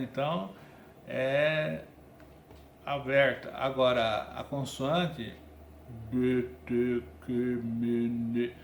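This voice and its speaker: A man with a Brazilian Portuguese accent gives a recorded Hebrew grammar lesson, his voice set a little higher than most men's. He explains in a relaxed, chatty way, often checking in with the listener. The room sounds echoey, and a faint ambient hum sits beneath him. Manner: explanatory, conversational, frequent "né?" and "tá?" checks. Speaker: Biblical Hebrew teacher.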